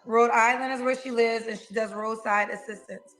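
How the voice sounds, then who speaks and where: High-voiced woman hosting a call-in show. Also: steady tone, normal speed, fairly bright tone, faint music behind, low-quality recording. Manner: probing, calls the caller honey and baby. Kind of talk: call-in dating show interview.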